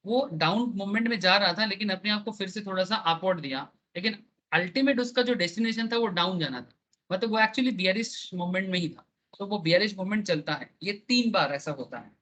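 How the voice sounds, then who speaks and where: A man's voice: high voice, fairly quick, fairly bright tone. A man teaching an online class, explaining with everyday analogies and checking in with his students.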